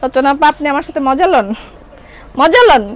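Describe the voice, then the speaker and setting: Chatty bangladeshi lady selling baby dresses on a live stream, pretty high voice, reads comments out. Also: moderate pace, low-quality recording. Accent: Bangladeshi Bengali. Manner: chatty, reads out viewer comments and answers them. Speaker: online shop seller. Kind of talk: live-stream product sale.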